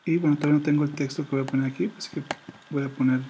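A man giving a relaxed screen-recorded web design tutorial, thinking aloud and reading out words as he types them. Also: on the high side, very fast. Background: keyboard typing and faint room noise.

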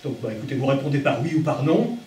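A man's voice: medium pitch, quick pace, dark tone, close to an everyday voice. Male actor: matter-of-fact phone caller, amateur stage, distant mic. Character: calm man taking over a prank phone call. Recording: echoey hall from far off.

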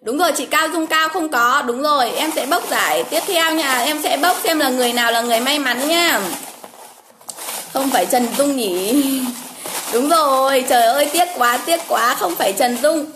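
A high-pitched woman hosts a casual livestream from home, chatting at a moderate pace over a noisy background. She draws giveaway winners, calling out names over and over with frequent exclamations.

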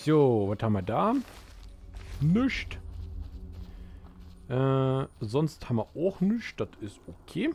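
A man's voice: medium pitch, very animated, slow, pauses often, a little mellow. A man hosting a let's play, making casual commentary and jokingly trash-talking the enemies in the game. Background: game music.

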